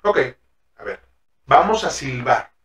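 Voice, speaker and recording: A man's voice: medium pitch, very animated, slow, a bit bright. A man with a Mexican accent hosting a therapy podcast, chatting casually, swearing freely and acting out exchanges with his patients. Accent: Mexican Spanish. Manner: colloquial, swears freely, acts out patient dialogues. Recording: roomy echo, mic at a distance.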